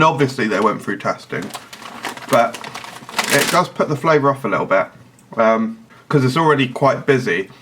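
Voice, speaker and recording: A man's voice: medium pitch, fairly bright tone. A man giving a casual product review in a blunt, picky, analytical manner. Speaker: snack reviewer. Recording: noticeable background noise.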